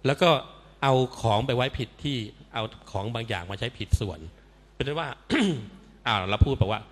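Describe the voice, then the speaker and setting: A man's voice: mid-range voice, moderate pace. A man speaking as a guest at a panel discussion, explaining his views critically and emphatically. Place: seminar stage in a hall. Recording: echoey event hall.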